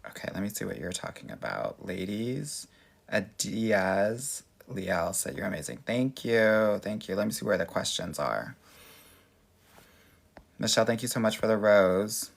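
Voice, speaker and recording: He's an American dating coach from Los Angeles whose creaky voice sits fairly low, and he talks in an animated way at a measured pace. On his casual livestream, he responds to viewer questions with a sassy, effusive, girly best-friend style.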